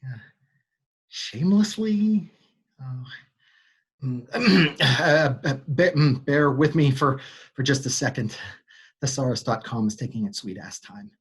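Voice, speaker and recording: The playwright narrates his own play reading, running through cast and stage directions with sardonic, deadpan remarks. His medium-pitched voice is slow, husky and a bit bright, with lively intonation, captured by a home microphone during a livestream.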